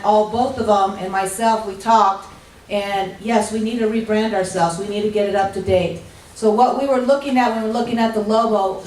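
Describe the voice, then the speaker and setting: A middle-aged woman with a hoarse, gruff voice giving a welcome speech at a rules clinic, talking informally with many ums and restarts. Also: mid-range voice, a little mellow, a little hiss or hum. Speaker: executive director of a state activities association. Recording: echoey hall from far off.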